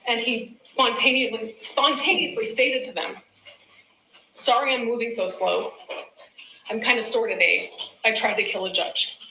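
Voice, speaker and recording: Bright-voiced female prosecutor in an echoey courtroom. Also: on the high side, unhurried. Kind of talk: courtroom opening statement. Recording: echoey courtroom, clear background noise.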